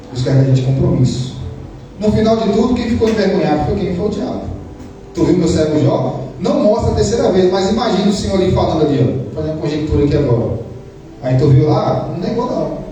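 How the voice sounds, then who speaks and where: Fervent pastor preaching in an echoey hall. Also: male voice, on the high side. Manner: fervent preaching with rhetorical questions, repeated phrases and hushed prayer. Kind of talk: sermon. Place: church hall with congregation. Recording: echoey hall, voice from a distance, faint noise.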